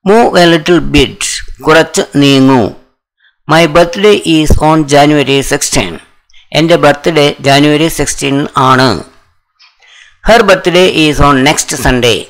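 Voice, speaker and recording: Male English tutor, Malayali accent, unhurried sentence-by-sentence drill. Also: on the high side, fairly bright tone, clear, resonant tone, rough recording. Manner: reads each English sentence slowly, then the translation faster. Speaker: English teacher. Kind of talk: slow sentence drill with translations.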